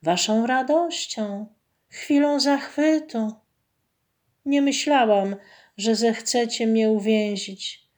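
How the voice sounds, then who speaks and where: A woman voicing a gentle young mermaid who pleads softly and slowly in a storybook tale. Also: fairly high pitch. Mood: pleading.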